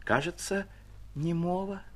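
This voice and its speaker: A man voicing a timid, fluttering female hanger-on who stammers and calls out eagerly. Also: measured pace. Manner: flustered, eager, shrill when calling out.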